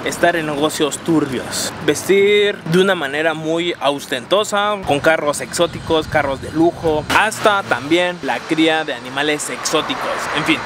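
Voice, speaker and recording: A man's voice: fairly high pitch, normal speed, hardly any pauses, noisy background. A young man hosting a street vlog, talking playfully to camera in slangy Spanish, exclaiming as he goes. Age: young adult. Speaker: vlog host. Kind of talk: animated street vlog presenting. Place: outdoors on city streets. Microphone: camera at arm's length. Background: music.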